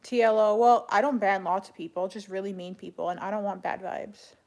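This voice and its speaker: A woman chatting casually on a livestream as she answers viewers, speaking in a flat monotone with a creaky voice. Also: mid-range voice, brisk. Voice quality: creaky vocal fry. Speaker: live streamer answering chat.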